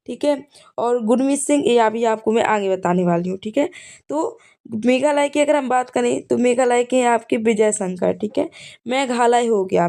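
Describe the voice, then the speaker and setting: A woman's voice: fairly high pitch, dark tone. A woman teacher giving an exam revision lesson, teaching memory tricks and often checking in with the listener as she repeats key points. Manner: repetitive, checks in with "ठीक है".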